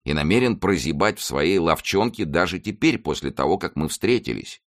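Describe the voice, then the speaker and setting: A man reads a confident, sly swordsman from an old adventure audiobook, deep and low, teasing with a wry, lively lilt that moves up and down. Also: moderate pace. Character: sly, confident middle-aged male swordsman.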